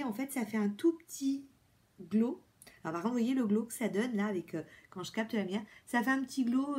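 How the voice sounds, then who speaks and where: Chatty woman vlogger, casual makeup review delivery, repeats herself, lots of fillers, mid pitch. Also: a little mellow. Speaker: beauty vlogger. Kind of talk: casual product review chat.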